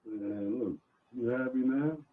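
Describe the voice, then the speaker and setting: A man's voice: medium pitch, slow pace. A man joining a livestream as a guest, sounding muffled and faint, as if heard through a wall, talking in a blunt, repetitive way. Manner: blunt, repeats himself, swears freely. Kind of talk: casual livestream chat.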